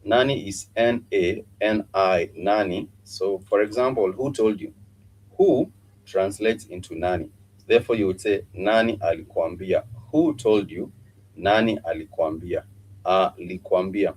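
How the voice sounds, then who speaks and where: A man's voice: sits low, unhurried, a little mellow, slight background noise, rough recording. A man teaching a live online language lesson, patiently repeating phrases and spelling words out letter by letter. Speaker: Swahili teacher.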